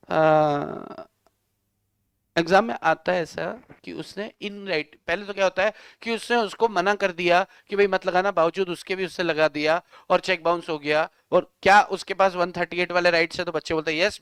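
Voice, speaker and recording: A male law teacher lecturing a class in a lively, teasing manner, scolding students with coarse slang. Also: high voice, moderate pace, smooth, no room sound.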